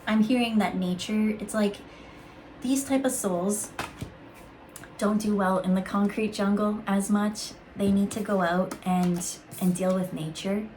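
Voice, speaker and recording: A woman reading intuitive cards in a casual, musing way, halting with fillers and restarts. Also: medium pitch, fairly even intonation, darkish tone, a little hiss or hum, poor audio. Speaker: intuitive card reader. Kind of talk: casual spiritual card reading.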